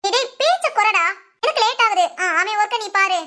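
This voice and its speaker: A woman's voice: very high-pitched, expressive, brisk, bright, forceful tone, full character voice. A woman playing a giggly, bossy little sister. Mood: teasing. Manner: giggly, wheedling, teasing. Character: teasing young married sister, playful and bossy. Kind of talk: cartoon voice acting.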